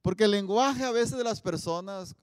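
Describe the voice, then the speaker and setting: A man preaching, his voice sitting high for a man. He keeps asking the audience questions and punches out Bible quotes. His voice rings out with a long reverb in a hall. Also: normal speed, studio quality. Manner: asks the audience many questions, loud emphatic Bible quotes. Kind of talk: sermon.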